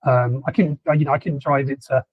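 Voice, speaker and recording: A man's voice: medium pitch, fairly even intonation, fairly quick, slightly rough, no echo, dull audio. A man co-hosting a podcast, chatting casually with lots of ums and restarts. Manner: rambling, many fillers and restarts. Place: lives in southern England.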